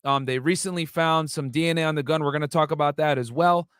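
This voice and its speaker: Young US man, livestream host, slightly higher pitch, dry close sound, chatty with fillers. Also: fairly even intonation, quick pace, a bit bright, smooth, no echo. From United States. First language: Arabic. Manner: chatty, many fillers and asides to viewers. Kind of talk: casual livestream commentary.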